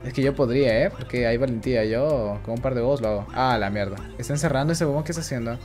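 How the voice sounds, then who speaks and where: A man talks through a game he is streaming live. He swears constantly and swings into loud, shouted outbursts. Faint music plays quietly under his voice. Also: mid-range voice, quick pace. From Peru. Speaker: gaming streamer. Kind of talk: live gameplay commentary.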